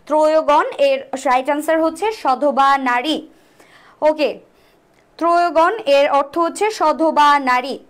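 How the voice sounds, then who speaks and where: Woman, high voice, exam-prep tutor, live online class, repeats questions and answers, sounds out letters slowly. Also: steady tone. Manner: repeats each question and answer several times; spells out sounds slowly to demonstrate. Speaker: admission test tutor.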